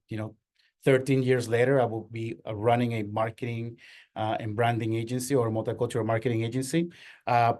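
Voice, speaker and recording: A man's voice: mid-range voice, a little mellow. A middle-aged man from Ecuador, the owner of a marketing agency, giving an earnest workshop talk with many fillers and restarts. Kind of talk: workshop lecture.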